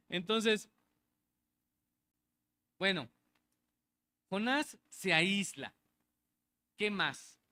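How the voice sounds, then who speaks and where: A man's voice: high voice, drawn-out words, creaky, long pauses, bright, forceful tone. A man preaching a conversational sermon in a church, repeating phrases and checking in with the congregation. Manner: conversational, asks the congregation for agreement. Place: church hall.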